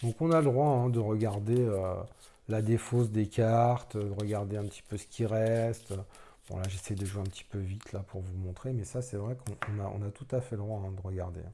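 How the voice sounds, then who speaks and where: A man's voice: lowish voice, steady tone, a little fast, mellow, a little hiss or hum. A man casually playing a solo board game, thinking aloud as he explains the rules, with self-deprecating asides.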